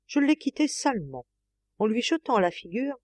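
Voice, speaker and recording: A woman reads a first-person novel aloud in a measured, expressive way. Her pitch moves freely through each sentence. The recording is dry and close. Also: dry recording. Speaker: audiobook reader.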